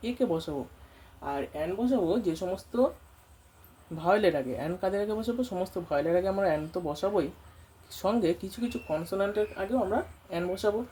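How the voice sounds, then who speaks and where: A woman's voice: mid-range voice, lively intonation, fast talker, dark tone. A woman English tutor teaching a grammar lesson, who keeps asking her students questions and answering them herself. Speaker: English tutor running a coaching centre. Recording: distant mic with faint background noise.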